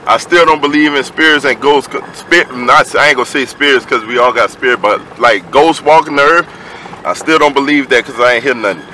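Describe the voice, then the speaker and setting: A man's voice: mid-range voice, fairly quick, bright, forceful tone, a little hiss or hum, poor audio. A young man vlogging at night, chatting loosely with friends, rambling and swearing with many fillers. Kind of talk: casual chat with friends. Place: night road and car.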